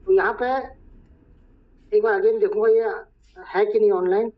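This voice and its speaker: A hoarse man acting as trainer, talking viewers through a screen-share tutorial step by step. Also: sits high, flat delivery, normal speed. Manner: talks viewers through each step, repeating "look". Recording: dull lo-fi recording.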